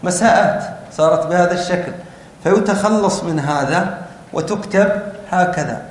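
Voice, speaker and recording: A man's voice: sits high, normal speed. A man teaching a class in a lecture, explaining rules step by step and asking the students questions. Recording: very echoey room with faint noise.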